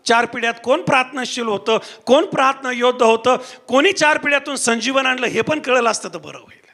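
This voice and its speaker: A man with a very high, bright, forceful voice delivers a fervent sermon. He stacks up repeated phrases and lifts them into shouts, speaking straight to the people gathered before him and to listeners beyond. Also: a little fast, gravelly. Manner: impassioned preaching with repeated refrains and shouted peaks; addresses a live congregation and broadcast audience. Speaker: pastor.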